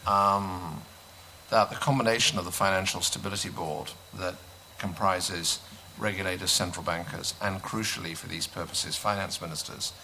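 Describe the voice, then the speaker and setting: A male panelist answering a question at a conference, measured, pausing often with "um". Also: sits low, steady tone, bright, forceful tone, slight background noise, poor audio. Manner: measured, many "um" pauses, dry aside. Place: conference hall.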